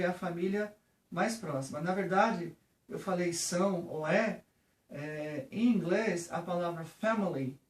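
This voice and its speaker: A teacher with a Brazilian Portuguese accent giving a patient lesson on English vocabulary, often checking in with the viewer. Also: mid-range voice. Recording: roomy, from a distance.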